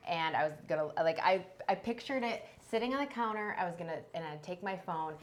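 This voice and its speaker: A woman's voice: fairly low pitch, animated, fairly quick. A woman co-hosting a casual chat, hesitant and searching for words, often repeating herself. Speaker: co-host.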